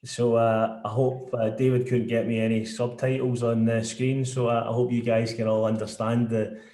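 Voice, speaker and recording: A sales director from Glasgow, Scotland, speaks with a broad Glaswegian accent as a guest presenter on an informal webinar. His mid-range voice is level, dark-toned, and moderately paced, with a roomy sound.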